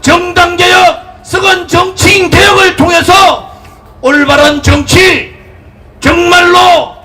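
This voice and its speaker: A man giving a roaring rallying speech as a political leader, driving home short repeated slogans at an outdoor street rally. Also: very high-pitched. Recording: distant PA at noisy rally, loud music. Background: crowd and loud music.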